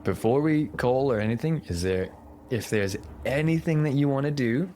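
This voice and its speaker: A man acting as dungeon master, narrating scenes and making rulings in a relaxed, conversational way. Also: medium pitch, normal speed, a little hiss or hum. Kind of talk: narrating a tabletop game.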